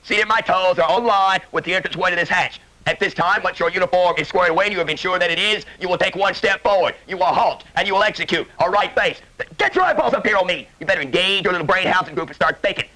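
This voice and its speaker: A man's voice: high voice, fast talker, few pauses, bright, forceful tone, poor audio. An American man working as a Marine drill instructor, barking commands and berating candidates repetitively.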